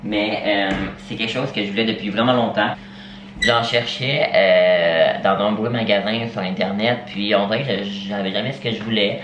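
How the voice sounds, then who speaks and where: A young man with a Quebec French accent talks casually to his camera at home, hesitating often and filling pauses. His voice sits fairly low. A faint hiss lies under the recording. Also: fairly even intonation, fairly bright tone. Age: young adult. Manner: chatty, full of fillers and hesitations. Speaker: vlogger. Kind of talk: casual vlog chat. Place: at home, indoors.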